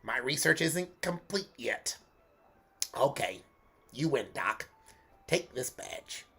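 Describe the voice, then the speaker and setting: A man's voice: medium pitch, sing-song, slow pace, pushed and bright, slightly rough, exaggerated voice. Format: a man doing a cheery cartoon-rabbit gym leader. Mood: smug, cheery. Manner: Bugs Bunny-style cartoon voice, calls everyone Doc. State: congested.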